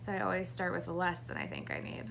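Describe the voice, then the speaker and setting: A woman's voice: fairly low pitch, wildly swooping pitch, quick pace, vocal fry, fairly bright tone, a little hiss or hum. A woman in her thirties, heavily pregnant and short of breath, giving a casual hands-on craft tutorial to camera. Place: small indoor craft room.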